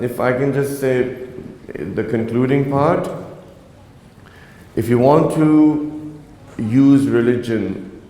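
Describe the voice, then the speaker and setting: Medium-pitched and dark in tone, this man's voice fills an echoey, reverberant hall. He is a religious lecturer whose first language is Urdu, earnestly exhorting young listeners and often checking in with a "right?".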